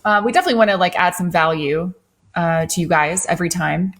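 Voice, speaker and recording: A woman in her forties co-hosting a casual live-stream chat with her husband, chatty and quick to laugh. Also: lowish voice. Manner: chatty, laughs easily, talks through ideas. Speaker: co-host.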